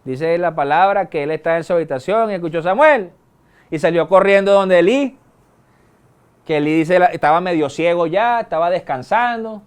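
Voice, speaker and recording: A middle-aged male pastor, preaching a sermon in a conversational way, with colloquial asides and sudden quick bursts. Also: high voice, expressive, clean tone. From Venezuela.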